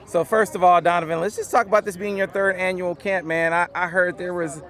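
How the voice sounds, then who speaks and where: A man's voice: high voice, little pitch movement, brisk, fairly bright tone. A man conducting a casual sports interview outdoors, asking friendly conversational questions. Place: outdoors at a youth football camp.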